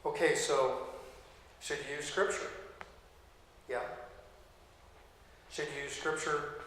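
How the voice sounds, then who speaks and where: A middle-aged man teaching a Bible college class in a relaxed, conversational way, often checking in with "okay?". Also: a little high, slow, a little hiss or hum. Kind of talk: classroom lecture. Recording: echoey classroom with long reverb.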